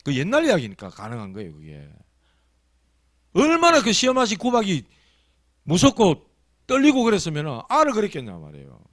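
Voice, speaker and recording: A man's voice: sits high, wildly swooping pitch, fairly quick, long pauses, fairly bright tone, no echo. A man preaching a Sunday sermon as pastor, telling stories in a colloquial, emphatic way. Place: church.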